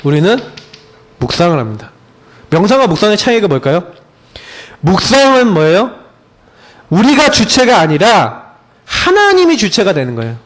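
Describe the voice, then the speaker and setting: Middle-aged male preacher, high and very animated pitch, conversational sermon full of rhetorical questions. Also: normal speed, long pauses. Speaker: pastor.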